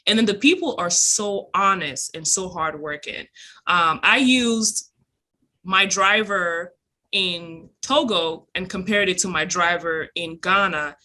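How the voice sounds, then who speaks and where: Bright-voiced woman from Cameroon. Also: lowish voice, takes it slowly. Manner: animated, emphatic storytelling. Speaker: podcast guest, entrepreneur. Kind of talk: conversational interview.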